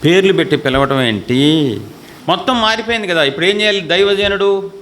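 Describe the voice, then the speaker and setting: A man's voice: high-pitched, lively intonation, a little fast, fairly bright tone. A male pastor preaching a fiery sermon, scolding with rhetorical questions and acting out quoted voices. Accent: Telugu.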